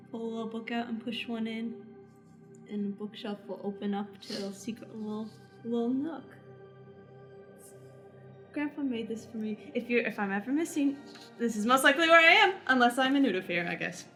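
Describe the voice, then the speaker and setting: A woman's voice: on the high side, normal speed, pauses often, a bit bright. A woman playing a tabletop role-playing game, chatting casually and improvising in character. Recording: music playing under the voice. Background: background music.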